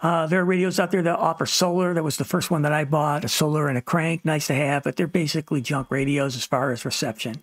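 This man, host of a ham radio tutorial series, speaks fast with few pauses in a fairly high, fairly even voice. He narrates an informal slide presentation with practical, plainly worded advice, and the audio has no room sound.

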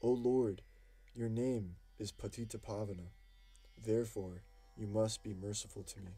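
A man reading devotional verses for an audiobook in a slow, measured, reverent delivery. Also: lowish voice, steady tone, warm tone, breathy edge. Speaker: audiobook reader. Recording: music playing faintly behind.

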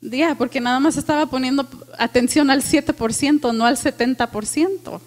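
A woman pastor preaching a lively sermon to a congregation, asking them questions and dropping in English phrases. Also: high voice, moderate pace. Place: church with congregation.

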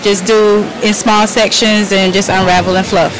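A woman's voice: medium pitch, little pitch movement, normal speed, a crowd in the background. A woman vlogger answering questions in a friendly, easygoing way at an expo, into an interviewer's handheld mic. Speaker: vlogger guest. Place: busy indoor expo hall. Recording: noisy hall background.

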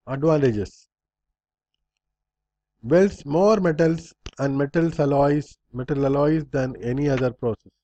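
A man's voice: fairly high pitch, a little slow, pauses often, dark tone, no room sound, lo-fi sound. A man instructor reading slide bullet points aloud in a recorded lecture, in short fragments with small slips and restarts.

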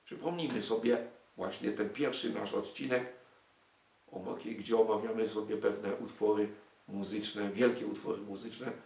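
A man's voice: lowish voice, fairly even intonation, measured pace, gravelly, darkish tone. An older man giving an emphatic lecture to an audience, full of rhetorical questions and indignant asides. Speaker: lecturer on music and culture. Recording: echoey room.

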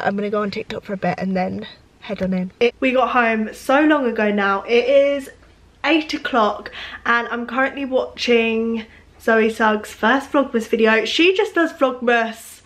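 A woman's voice: a little high, unhurried, a bit bright, no room sound, low-quality recording. A young woman, chatting casually to camera from her car, rambling with lots of fillers. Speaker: vlogger. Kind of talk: casual vlog chat. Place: inside a parked car.

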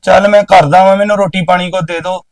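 A man's voice: high voice, fairly even intonation, brisk, no room sound, far from the mic, natural voice. A man playing a nephew and farmhand who pleads with his aunt for food after working since morning. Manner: pleading, hungry. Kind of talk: village short film acting.

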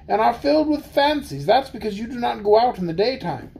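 A woman's voice: a little high, lively intonation, brisk, creaky, warm tone, slight background noise. A woman voicing a greedy, sly female cat who speaks coolly and offhandedly. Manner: cool and offhand.

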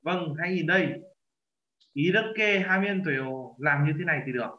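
In an echoey, dull, lo-fi room recording, a man teaches Korean. His voice sits slightly high as he slowly repeats phrases and patiently fixes his student's pronunciation.

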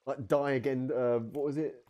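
A man's voice: mid-range voice, fairly even intonation, normal speed, mellow. A British man giving casual gameplay commentary in a sweary, incredulous, jokey manner. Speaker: game streamer. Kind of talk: casual gameplay commentary, reading game dialogue aloud.

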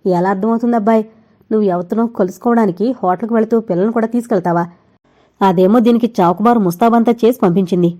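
A woman voicing a sharp-tongued elderly mother with a loud, ringing voice who scolds and shouts at her son in an audio novel. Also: medium pitch, fast talker, lightly acted. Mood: angry scolding.

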